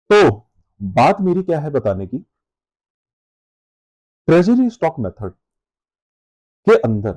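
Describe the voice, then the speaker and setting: A man's voice: fairly high pitch, a little mellow, no echo, poor audio. Insistent male lecturer, dry close mic. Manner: addresses students as 'beta', direct and insistent. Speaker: teacher. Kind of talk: online exam-prep lecture.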